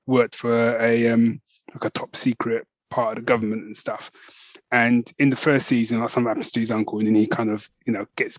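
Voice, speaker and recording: A man with a mid-range voice co-hosts a podcast, chatting casually and enthusiastically while rambling and restarting his sentences often. The recording has no room sound but poor audio quality.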